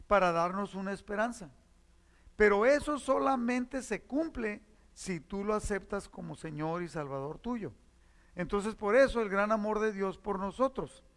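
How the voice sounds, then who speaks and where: Man, pastor, sermon, explains scripture, raised voice, echoing church hall. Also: high voice. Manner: teaching, explains verses and repeats key phrases.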